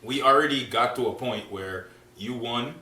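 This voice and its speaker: A man co-hosting a casual podcast, talking bluntly and with lots of swearing, getting louder as he rants. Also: mid-range voice, normal speed. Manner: blunt, profane, heats up when ranting. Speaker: podcast co-host. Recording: echoey room, mic at a distance, faint hum.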